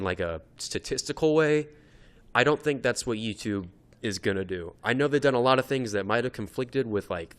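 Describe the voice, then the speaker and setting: A man's voice: lowish voice, smooth. A young man co-hosting a casual podcast, rambling with many fillers and frequent laughs. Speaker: podcast co-host. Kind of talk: casual chat.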